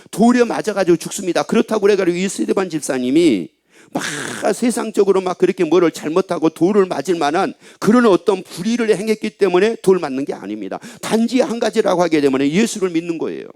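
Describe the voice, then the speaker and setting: A man's voice: high voice, darkish tone. A middle-aged male pastor preaching a sermon in a church, emphatic and often asking the congregation questions. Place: church sanctuary.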